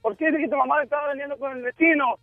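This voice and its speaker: A man's voice: very high voice, steady tone, rapid-fire, dry recording, faint music behind. A man calling in to a radio show, telling a joke in a casual, slangy way. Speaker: radio caller. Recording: dull phone-in line.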